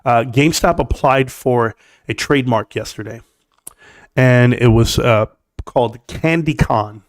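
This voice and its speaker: Unhurried, with a scratchy mid-range voice, a middle-aged man livestreams a blunt, emphatic, opinionated stock rant and addresses the chat directly. The studio sound is clean and free of echo.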